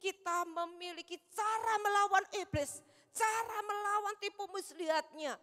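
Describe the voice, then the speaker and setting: A woman pastor with a Javanese Indonesian accent preaching a sermon, often calling out to the congregation and swinging from loud to soft. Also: very high voice, measured pace. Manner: calls out "saudaraku" constantly, swings between loud and soft. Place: church hall. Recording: reverberant church hall.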